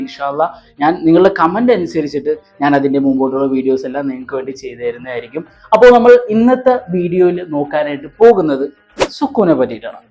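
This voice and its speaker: A man teaches Quran recitation from a board in a studio classroom. His talk is easy and explanatory, and it turns slow and raised whenever he spells out letters one by one for his students. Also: a little mellow. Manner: rises in pitch and slows when spelling letters, casual aside elsewhere.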